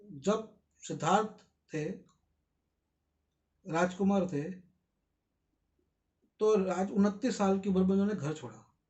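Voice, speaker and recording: High-voiced man lecturing with rhetorical questions. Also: darkish tone, lo-fi sound. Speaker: interview guest. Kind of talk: earnest explanatory talk.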